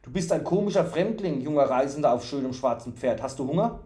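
A man's voice: fairly high pitch, expressive, quick pace, mellow, roomy sound, close to an everyday voice. A man voicing a simple-minded, childlike male fool from the forest, eager and full of repeated questions. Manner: eager, questioning, singsong repetitions.

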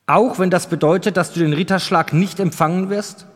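A man reading the part of a stern, measured old king who questions a young squire. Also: fairly high pitch, lively intonation. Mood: firm. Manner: questioning, weighty, deliberate. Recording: long reverb.

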